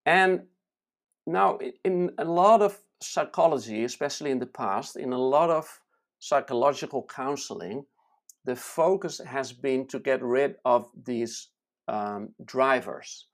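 A self-help teacher speaking in a slow, deliberate way, reading lists with pauses and explaining ideas with small restarts and fillers. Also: mid-range voice. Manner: measured, reads lists slowly with pauses.

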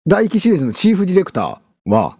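A man with a Kansai accent co-hosts a podcast and tells stories in an easy, joking way. His voice is a little husky. His pitch moves freely between high and low. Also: fast talker. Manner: relaxed, storytelling, playful joking. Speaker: podcast co-host. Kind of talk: casual chat.

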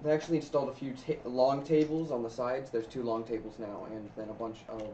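A man's voice: medium pitch, steady tone, quick pace, dark tone, slight background noise. A man narrating a tabletop game as game master, in a casual, rambling way. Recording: roomy, distant, dull recording.

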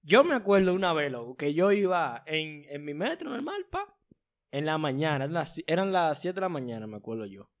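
A man's voice: a little high, fairly quick. A man with a Dominican accent in a casual chat with friends, telling stories animatedly with slang. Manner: animated storytelling, uses slang. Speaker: panelist.

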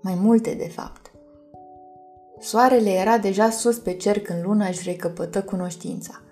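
Mellow woman reading a storybook. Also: mid-range voice, faint music behind. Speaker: audiobook narrator. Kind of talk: scripted storybook narration.

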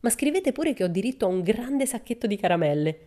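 A woman's voice: medium pitch, very animated, fast talker, dark tone, pitched above the performer's own voice, close to an everyday voice. A woman voicing a cheeky, boastful little girl in a storybook reading, bold and chirpy. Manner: bold, chirpy, matter-of-fact.

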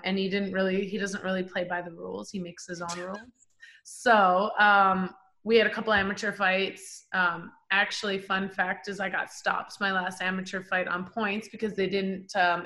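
A woman in her forties, a professional boxer from Canada, telling her story in a casual interview, animated and full of fillers. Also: mid-range voice. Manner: animated, chatty, many fillers like "like" and "um". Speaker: professional boxer, podcast guest.

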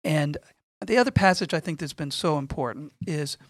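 A middle-aged man speaking earnestly and in a measured way, sharing a personal testimony in conversation. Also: fairly high pitch, fairly bright tone, no room sound, studio quality. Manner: earnest, measured, repeats phrases for emphasis. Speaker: guest speaking on faith and suffering.

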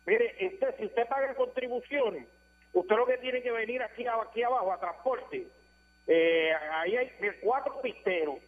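A man's voice: extremely high pitch, normal speed, slight background noise. A man with a Puerto Rican accent calling in to a radio show, ranting insistently about his opinions. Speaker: radio caller. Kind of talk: phone-in opinion. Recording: tinny phone line.

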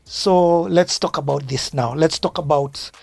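A man's voice: a little high, unhurried, vocal fry, dry recording. A man hosting a podcast and chatting casually with a guest. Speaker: podcast host interviewing. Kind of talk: casual chat.

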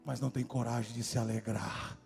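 A man's voice: mid-range voice, flat delivery, fairly quick, gravelly, a little mellow, soft background music. A male preacher giving a fervent sermon at a church service and calling out to the congregation.

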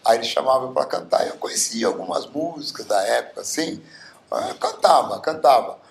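A man in his 70s from Bauru, Brazil, a guest singer, tells stories in a casual interview full of fillers. His mid-range voice has lively intonation and vocal fry, runs a little fast, and is captured with a roomy echo.

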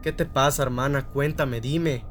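A man's voice: medium pitch, steady tone, measured pace, slight background noise, natural voice. A man voicing a desperate young boy who pleads with his sister in a raised, strained voice. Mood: pleading. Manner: pleading, rising to frantic shouts.

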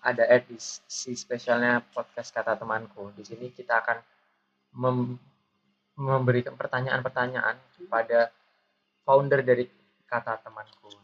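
A man in his twenties with a pinched, shrill voice, chatting casually and jokingly as a podcast host. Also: flat delivery, normal speed, a bit bright. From Surabaya, Indonesia. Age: 20s. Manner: self-deprecating, joking, informal. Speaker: guest host interviewing the podcast's founder. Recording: dull lo-fi audio with clear background noise.

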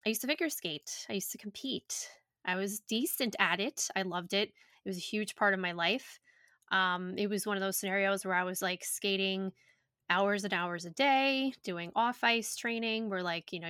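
A woman hosting a casual podcast, chatty and profane, her voice a little raspy. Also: mid-range voice, bright, forceful tone, dry recording, studio quality. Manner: chatty, loose and profane, with many likes. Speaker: podcast host and yoga teacher. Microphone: home podcast microphone.

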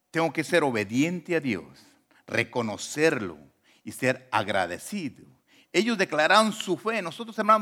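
Expressive pastor preaching. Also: male voice. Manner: swings between soft, low asides and raised emphatic lines; retells scripture with acted quotations. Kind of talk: sermon. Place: church.

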